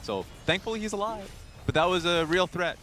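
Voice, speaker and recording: A man's voice: sits high, lively intonation, brisk, sharp tone, soft background music. A man doing color commentary on a live esports match, analytical and explaining plays at length.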